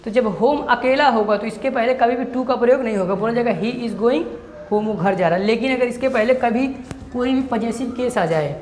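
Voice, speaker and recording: A man's voice: extremely high pitch, moderate pace, darkish tone, slight background noise. A male English teacher giving a grammar lesson. He keeps asking the class a question and then answers it himself, calling his students "beta". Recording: echoey room.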